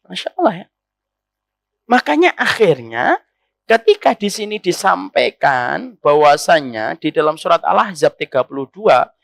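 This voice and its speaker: A male Islamic preacher giving a sermon to women, animated and teasing, asking rhetorical questions. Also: high-pitched, gravelly, no echo.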